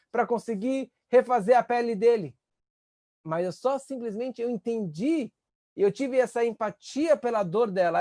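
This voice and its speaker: A man, a rabbi teaching a class on empathy, earnest, and acting out the voices he quotes with sudden rises in pitch. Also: mellow, dry recording, clean studio sound. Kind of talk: spoken lesson on empathy.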